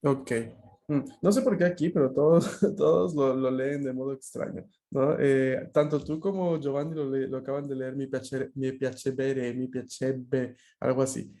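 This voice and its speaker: A man's voice: mid-range voice, steady tone, normal speed, dark tone. A man teaching a language class over a video call, explaining patiently with frequent fillers and checking questions.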